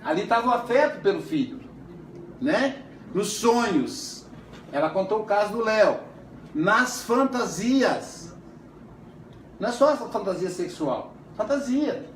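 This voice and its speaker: A man's voice: high voice, animated, measured pace, long pauses. A man teaching a psychoanalysis class in a classroom, conversational and stretching words for emphasis. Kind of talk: classroom lecture. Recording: roomy, distant, faint noise.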